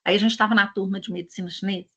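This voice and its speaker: A woman's voice: mid-range voice, fairly even intonation, racing, breathy edge, muffled recording. A woman with a Brazilian Portuguese accent, presenting an education channel and talking casually to her audience in a chatty, digressive, storytelling way.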